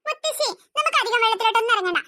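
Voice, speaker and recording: A woman's voice: animated, very fast, sharp tone, full character voice. A woman voicing an eager, chatty little cartoon girl. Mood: pleading. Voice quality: high childish voice. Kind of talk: cartoon dubbing.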